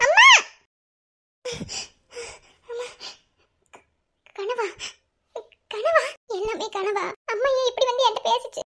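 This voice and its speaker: A performer voicing a young college woman, emotional and anxious, speaking with a Madurai Tamil accent. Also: extremely high pitch. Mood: shaken. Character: young woman college student, frightened and tearful.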